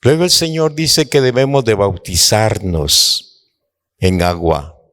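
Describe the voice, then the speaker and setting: A man preaching a sermon to his congregation, slow and dramatic, rising to impassioned outbursts. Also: fairly low pitch, a bit bright. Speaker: apostle, preacher.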